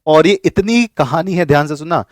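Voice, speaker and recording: A man teaches a live online chemistry class, his voice sitting a little high for a man. He explains patiently, repeats each key point and keeps asking the students to answer him. The sound is dry and close. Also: moderate pace, dry recording.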